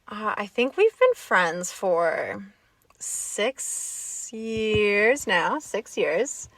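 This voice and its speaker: A woman's voice: medium pitch, very animated, very slow, fairly bright tone, dry recording. A woman in her twenties from Toronto, a podcast guest chatting casually with dry, teasing jokes. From Toronto, Canada. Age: 20s. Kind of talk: casual chat.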